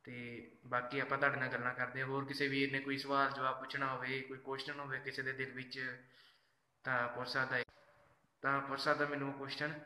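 Guy live on his phone reading fan msgs, flat steady tone, sharp bright voice, echoey room. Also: medium pitch, a little fast. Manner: casual, thankful, greets fans by name. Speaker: social media singer doing a live fan chat. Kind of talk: live stream chat reading fan messages.

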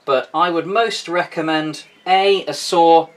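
A man with a slightly raised voice talks through a woodworking job in his home workshop. He explains each step in a relaxed, chatty way and pokes fun at himself as he goes. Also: a little high, slow. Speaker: woodworking video host. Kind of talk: casual how-to demonstration.

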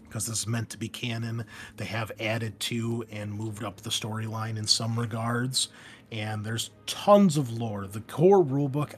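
Acting as a game master, a man gives listeners a casual introduction, talking in an enthusiastic, rambling way. His voice is fairly low in pitch and a bit bright, and there is clear background noise in the recording.

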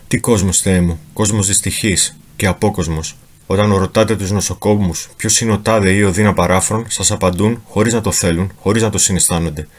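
A man giving a solemn, theatrical reading of a memoir as a dramatic literary reading. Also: fairly low pitch. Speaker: reader of a memoir.

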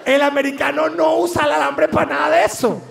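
A man's voice: very high voice, a little fast, creaky. A Venezuelan man doing live stand-up comedy, telling stories animatedly and acting out the people in them. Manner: animated storytelling with voices. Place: large live venue. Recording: echoey live venue from far off.

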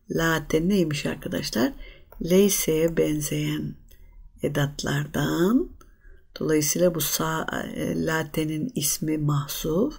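A woman's voice: low voice, vocal fry, a little mellow, breathy edge. A woman teaching an Arabic grammar lesson, explaining patiently and often addressing her students directly.

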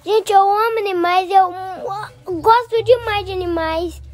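A squeaky hoarse old grandpa. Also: male voice, fairly even intonation, measured pace. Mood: doting. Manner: doting, gushing and affectionate. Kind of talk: comedy vlog character.

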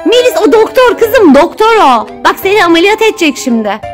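A woman's voice: very high-pitched, big pitch swings, a little fast. A young woman, a mother, playfully coaxing and narrating her children's pretend doctor game in a casual home video. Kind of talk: casual family play. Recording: music playing under the voice.

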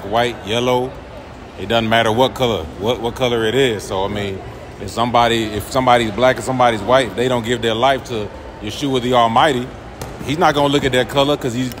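A man's voice: mid-range voice, steady tone, a little fast. A man preaching earnestly in a street interview, quoting scripture, with traffic noise around him.

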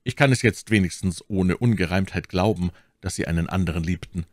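A man voicing a gallant, flattering young swordsman in a courtly, earnest way. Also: sits low, a little fast, no room sound, lightly acted.

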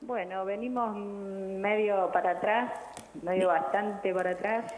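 A woman's voice: mid-range voice, fairly even intonation, measured pace, darkish tone, roomy sound, long reverb tail. An older woman, a caller who gives brief, agreeable replies.

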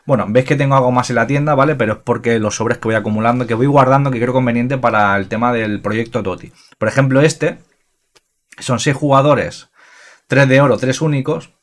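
Gaming host, man, excitable and profane, rambling casual commentary. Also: medium pitch. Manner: excitable, swears freely, talks in bursts with many fillers. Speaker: gaming youtuber.

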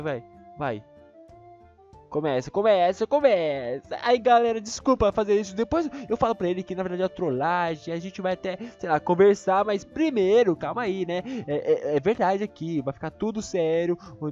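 A man with a Brazilian Portuguese accent giving excited gameplay commentary, prone to high squealing outbursts. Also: muffled recording. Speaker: gaming video creator.

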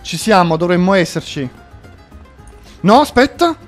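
A man giving excited gameplay commentary, yelping and laughing as he plays. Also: high voice, measured pace, soft background music. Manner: excitable, yelps and laughs often. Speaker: gaming video host.

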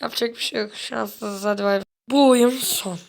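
A woman commenting casually on a game for her viewers, excitable and exasperated by turns. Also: on the high side, moderate pace, vocal fry, slight background noise. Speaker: gaming YouTuber.

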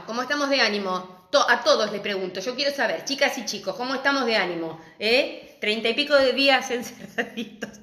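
A middle-aged Argentine woman with a fairly high voice hosts a live crafts class from home. She talks in a chatty, affectionate way and laughs often. Her phone picks her up in a noticeably echoey room. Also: pushed and bright. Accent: Argentine Spanish. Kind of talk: casual live-stream chat.

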